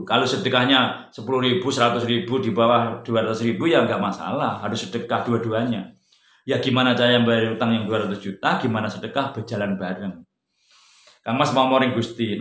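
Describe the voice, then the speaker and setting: A man gives a casual religious lesson in a mid-range voice. He talks conversationally, pushing up to loud emphatic peaks and then dropping to soft, low remarks. The recording has a noticeable roomy echo. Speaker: religious teacher. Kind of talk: informal religious study talk.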